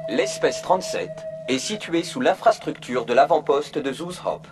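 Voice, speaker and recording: A man with a somewhat high, sing-song voice speaks a little slowly over loud music. He plays a polite, emotionless virtual assistant in a French video game dub, reading out information in a formal, procedural, impassive way.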